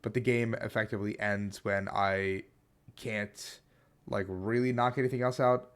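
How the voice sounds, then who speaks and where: A man with a somewhat low, hoarse and worn-out voice talks through a tournament recap. He is conversational and slangy, like a competitive player casually reporting to his viewers. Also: fairly even intonation, a little slow. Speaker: competitive card game player and video creator.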